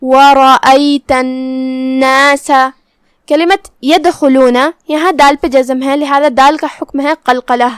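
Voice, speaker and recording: A woman teaching a Quran recitation lesson, calmly explaining each letter and reciting verses slowly. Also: high-pitched, no echo, studio quality. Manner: calm, careful, explains each letter step by step. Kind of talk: slow tajweed lesson with recitation.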